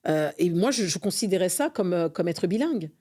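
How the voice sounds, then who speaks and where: Her lowish voice is warm, expressive and fairly quick. A middle-aged woman from France, she's an association vice-president appearing on a podcast, speaking with earnest fervor and plenty of hesitations.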